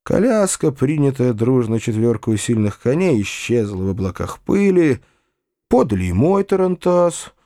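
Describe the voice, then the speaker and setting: Male narrator, lively varied delivery, dry close sound, audiobook reading. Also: mid-range voice, normal speed, no room sound. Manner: expressive, hesitant in first-person dialogue. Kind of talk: audiobook reading of classic fiction.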